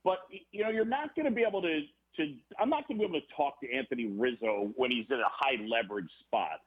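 A man, a baseball broadcaster guest on a podcast, talking in a rambling, animated way with many restarts. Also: mid-range voice, fast, husky. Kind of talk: casual podcast conversation. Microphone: phone or remote call. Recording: tinny phone line.

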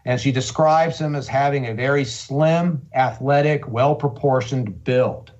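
A man's voice: medium pitch, unhurried, darkish tone, dull audio. A man, a cold case investigator, answering in an interview and describing events in plain, repetitive phrasing.

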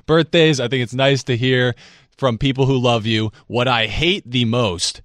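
A young man in his twenties, working as a radio producer, banters in an easygoing, wry way. His voice has an ordinary pitch, and the recording is dry with no room sound. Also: unhurried, fairly bright tone, no room sound. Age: 20s.

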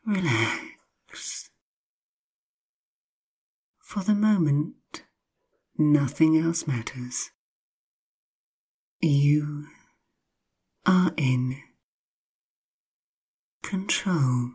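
Very slow, husky woman narrating sleep hypnosis. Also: low voice, expressive. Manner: hushed, soothing, often slipping into whispers; drawn-out, repetitive phrasing with long pauses.

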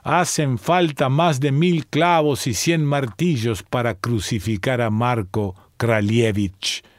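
A man's voice: medium pitch, fairly even intonation, slow, dry recording, studio quality, lightly acted. A man voicing a wicked, scheming widow in a storybook reading, with a cold, mocking manner. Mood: cruel.

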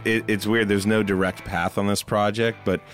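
Deep-voiced man, rambling and relaxed. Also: moderate pace, soft background music. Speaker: show creator and musical director. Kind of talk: casual interview chat.

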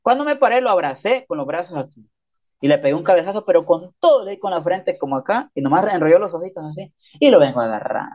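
A man rattles off a story at a quick clip, packed with slang and punchy sound effects. The sound is a little dull and lo-fi. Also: high voice, very animated, darkish tone. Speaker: podcast guest, prisoner. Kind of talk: casual storytelling interview.

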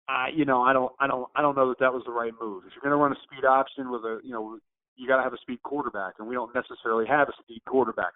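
A man calling in over a muffled phone line, a former offensive lineman analysing a football play call step by step, with frequent fillers. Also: mid-range voice. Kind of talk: sports analysis chat.

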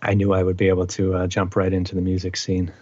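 A man's voice: low voice, quick pace, muffled recording. A middle-aged man from eastern Massachusetts, a musician guest chatting casually with lots of fillers. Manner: relaxed, rambling, many fillers. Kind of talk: casual interview chat.

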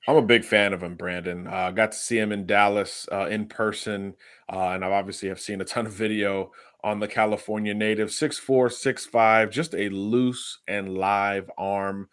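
A man's voice: lowish voice, steady tone, normal speed, fairly bright tone, smooth, no room sound, clean studio sound. A man who is a recruiting analyst, answering interview questions in a confident, analytical way with frequent "uh" fillers. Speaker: football recruiting analyst guest.

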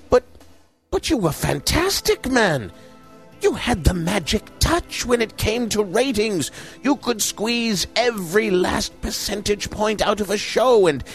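A man playing a miserly, bullying radio station boss in an audio drama, haughty, fussy and sharp in manner. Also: high voice, full character voice. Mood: startled, flustered.

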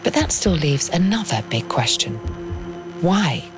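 A woman reading scripted documentary narration as the host, in a measured, explanatory way. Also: low voice, sing-song. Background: music.

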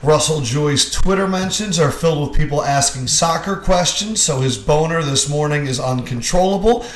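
A man's voice: on the high side, normal speed. Man sounding like he's in a cave. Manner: upbeat and wisecracking. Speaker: podcast host. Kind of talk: casual sports podcast chat. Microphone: podcast microphone. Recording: echoey cave-like room sound with faint background hum.

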